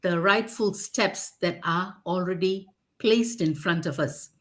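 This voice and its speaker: A woman from Asia in a casual live conversation, chatting with frequent laughter and reading a passage aloud. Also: lowish voice. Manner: warm and laughing, reads passages aloud slowly.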